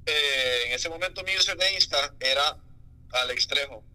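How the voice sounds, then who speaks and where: A man's voice: fairly high pitch, normal speed, pushed and bright, low-quality recording. A man with a Honduran Spanish accent, a music artist telling his story candidly in a casual interview.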